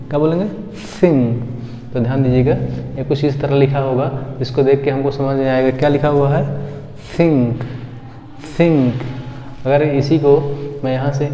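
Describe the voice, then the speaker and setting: A man's voice: mid-range voice, warm tone, dull audio. A man teaching a pronunciation lesson, repeating each example word several times. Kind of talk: phonetics lesson. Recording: echoey room with long reverb.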